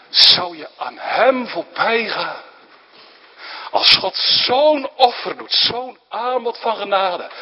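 A pastor preaching a sermon, pleading with his congregation, his voice swelling loud and then falling almost to a whisper. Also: medium pitch, slight background noise. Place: large church. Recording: dull lo-fi with long hall reverb.

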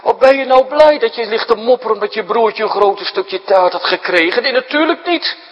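A man preaching a sermon, explaining things to children, jumping high for emphasis and sinking to a hushed whisper. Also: lively intonation, brisk, long reverb tail, highs cut off. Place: church.

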